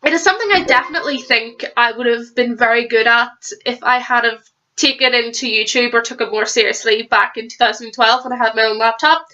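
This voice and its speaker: A young vlogger with a cold gives her channel a loose, rambling, chatty book review, sounding stuffed up. Her voice is slightly higher than average with a bright, sharp edge, and she talks a little fast, often tripping over words and restarting sentences. The audio is dull.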